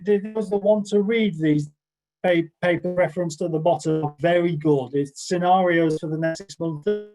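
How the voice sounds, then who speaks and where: A man speaks over a video call whose audio keeps glitching and dropping out. He talks with a fairly high, mellow voice. His briefing is hesitant and full of ums and restarts. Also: fairly even intonation, moderate pace, faint music behind, rough recording. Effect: glitching, cutting-out video call audio. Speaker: public health speaker. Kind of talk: online briefing talk.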